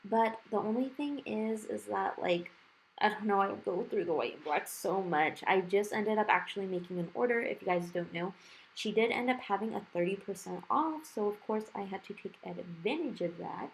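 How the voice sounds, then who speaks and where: A woman's voice: medium pitch, expressive, moderate pace, creaky, slight background noise, low-quality recording. Chatty woman with a slushy lisp. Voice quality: lisp with slushy s sounds from new dental work. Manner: chatty, rambling, informal. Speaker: nail art video creator. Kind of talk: casual chatty tutorial voice-over. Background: music.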